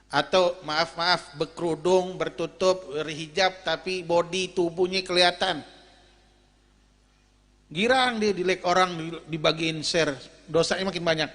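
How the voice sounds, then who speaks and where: A man preaching a lively, jokey sermon at a large gathering, swinging between loud calls and low storytelling. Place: large outdoor or hall gathering. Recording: reverberant PA in a big space.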